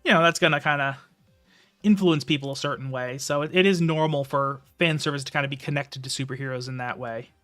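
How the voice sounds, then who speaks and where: A man's voice: medium pitch, a little fast, a bit bright, soft background music. A man streaming live, reading a novel aloud and commenting casually in a rambling way with filler words.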